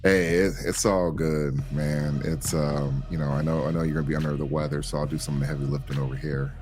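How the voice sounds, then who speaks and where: A man's voice: very deep voice, steady tone, a little fast, a little mellow, faint music behind. A man co-hosting a podcast, talking in a loose, colloquial way with plenty of fillers. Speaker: podcast co-host. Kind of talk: casual political chat.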